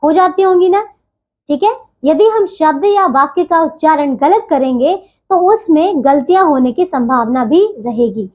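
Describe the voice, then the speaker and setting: A woman teaching a grammar lesson to children, checking in often and spelling out words slowly and carefully. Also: sits high, a little mellow. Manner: keeps asking "ok, children?"; slow, careful word-by-word dictation.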